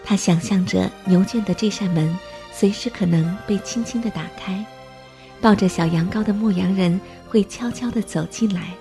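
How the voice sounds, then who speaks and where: A woman reads a storybook aloud in a mellow, warm voice, gentle and even-paced throughout. Faint music plays softly underneath her narration. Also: medium pitch, moderate pace, gravelly. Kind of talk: storybook reading.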